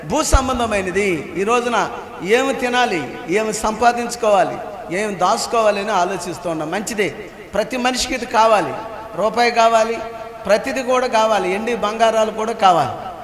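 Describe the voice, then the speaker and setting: A man's voice: high voice, normal speed, fairly bright tone. A man preaching a sermon as pastor, asking the congregation questions and answering them himself, repeating key phrases. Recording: echoey hall with long reverb.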